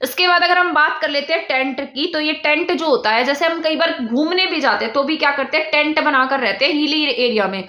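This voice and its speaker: A woman's voice: high-pitched, a little fast, few pauses, sharp tone, echoey room, muffled recording. A young woman from India, teaching an exam-prep lesson and drilling points by asking and answering her own questions.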